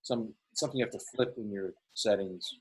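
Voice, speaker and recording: A man with a husky voice chatting casually with friends on a video call. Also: fairly low pitch, fairly quick, rough recording. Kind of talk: casual group video chat. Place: indoors on a computer video call.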